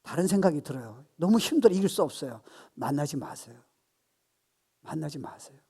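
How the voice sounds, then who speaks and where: A man in his sixties preaching a sermon as pastor, animated and playful, acting out voices and laughing at his own jokes. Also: a little high, normal speed, husky.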